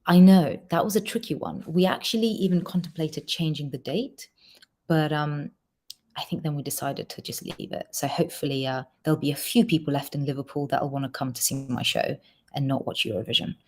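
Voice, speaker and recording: Reading her fans' questions in an easygoing livestream Q&A, a Georgian-speaking singer from Georgia talks quickly and chattily with frequent ums. Her voice is low, with a darkish tone.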